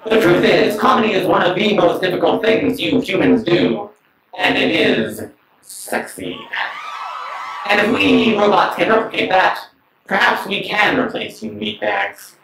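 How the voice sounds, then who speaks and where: A man performing standup as a smug male comedy robot, with a deadpan, mock-mechanical delivery and snide asides. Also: sits high, unhurried, crowd noise, full character voice. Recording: roomy sound from a distance.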